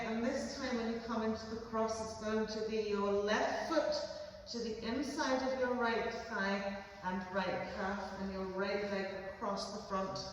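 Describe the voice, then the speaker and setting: A woman leading a yoga class with gentle, steady cues, often checking in with a quick "okay?". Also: on the high side. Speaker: yoga instructor. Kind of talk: guided yoga class instruction. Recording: very echoey room, voice far from mic, faint background noise.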